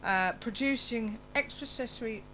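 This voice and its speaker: A woman's voice: a little high, moderate pace, fairly bright tone, low-quality recording. A woman hosting a radio show, reading aloud with chatty asides and stumbling over words, her speech slightly slurred as if from loose dentures. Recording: clear background noise and hum.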